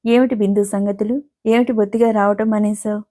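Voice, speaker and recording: A narrator puts on a caring woman of thirty in a storybook, firm and direct in how she talks. The tone is mellow and warm. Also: medium pitch, level tone, brisk, natural voice.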